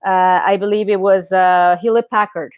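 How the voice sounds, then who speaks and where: A woman's voice: mid-range voice, steady tone, normal speed, clean tone, no echo. A middle-aged woman from El Salvador, a guest speaking casually in an interview, with many fillers and restarts.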